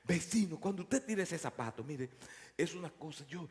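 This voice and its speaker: Preacher puts on a fretful neighbor, high and pleading, in a reverberant hall. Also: male voice, lively intonation, moderate pace, a little mellow. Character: anxious downstairs male neighbor, pleading.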